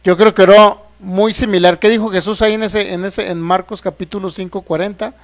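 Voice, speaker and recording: A man's voice: sits high, steady tone, fairly quick. A man, a pastor preaching a sermon who keeps asking the congregation rhetorical questions and acts out the voices he quotes. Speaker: pastor teaching a healing course.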